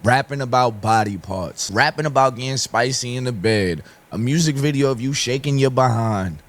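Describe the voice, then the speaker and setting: A man with a dry, hoarse throat giving his opinions in a commentary video and talking straight to his viewers. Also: medium pitch, moderate pace, a bit bright. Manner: opinionated, conversational, addresses viewers directly. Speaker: online commentator.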